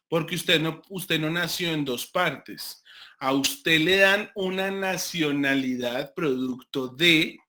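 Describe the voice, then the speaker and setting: Slow, bright-voiced Colombian man lecturing. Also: mid-range voice. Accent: Colombian Spanish. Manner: slow, deliberate, with frequent fillers and restarts. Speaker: university lecturer. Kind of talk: online class lecture.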